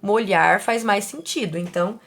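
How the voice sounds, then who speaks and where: A woman teacher speaking slowly and carefully, sounding out words syllable by syllable for young pupils and asking them questions. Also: medium pitch, gravelly, a bit bright, a little hiss or hum. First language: Portuguese. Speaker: primary school teacher. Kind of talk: slow, careful classroom instruction.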